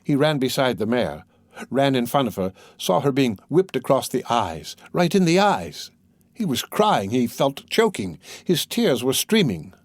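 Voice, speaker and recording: A male narrator reads a classic novel with dramatic expression and a lively, varied pitch. His voice sits in a middle register. The recording is dry and close, with no room sound. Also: a little slow, no room sound. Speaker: audiobook narrator.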